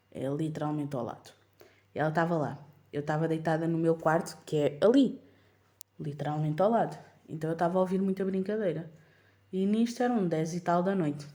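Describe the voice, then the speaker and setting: European Portuguese woman, young adult, mellow tone, animated, casual vlog storytelling. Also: lowish voice. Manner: emphatic, animated retelling. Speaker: mother of a toddler.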